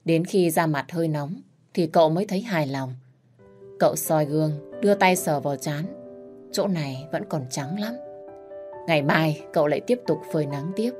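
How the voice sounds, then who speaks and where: A woman storyteller with a low, steady voice reads a scripted tale. Her pacing is even and measured throughout. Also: over music.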